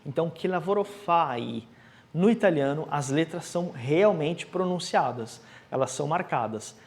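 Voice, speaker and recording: Man teaching with lively pitch. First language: Portuguese. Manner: explains slowly, repeats phrases with exaggerated articulation. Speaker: Italian teacher. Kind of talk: language lesson, modeling pronunciation for repetition.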